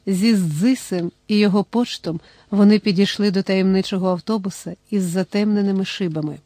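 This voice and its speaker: A woman narrating a novel as an audiobook in a steady storytelling manner. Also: mid-range voice, brisk, no echo.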